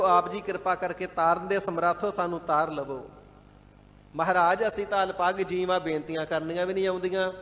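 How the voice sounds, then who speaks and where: A man giving a devout, measured scripture sermon, explaining and repeating words one by one and at times chanting a verse. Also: sits high, a bit bright, long reverb tail. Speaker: Sikh scripture expounder. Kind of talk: line-by-line scripture exposition sermon. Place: large gurdwara hall.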